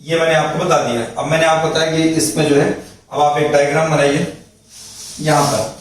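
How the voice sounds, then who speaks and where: A man's voice: fairly high pitch, fairly even intonation, fairly quick. A man teaching physics in a lecture, explaining step by step and often checking that students follow. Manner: explains step by step, repeats points, checks with "thik hai". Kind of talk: classroom lecture at a board. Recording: very echoey room, mic far off.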